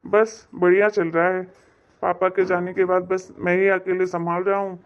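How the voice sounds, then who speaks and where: A woman voicing an earnest, dutiful young husband in a cartoon story, reassuring and even-toned. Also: lowish voice, normal speed, muffled recording, natural voice.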